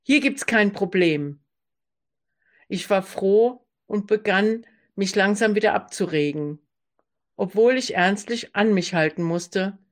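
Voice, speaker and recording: A woman reading a first-person story aloud and raising her voice for the people she quotes. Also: medium pitch. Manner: slow, lively reading, raises her voice for quoted speech. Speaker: narrator reading her own memoir.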